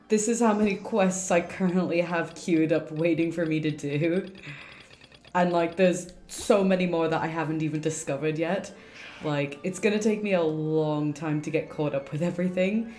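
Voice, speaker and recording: Playing a game on a livestream in an indoor room, a woman talks casually as she goes. She speaks at normal speed in a deep, slightly mellow voice, and the roomy streamer mic also catches the game music.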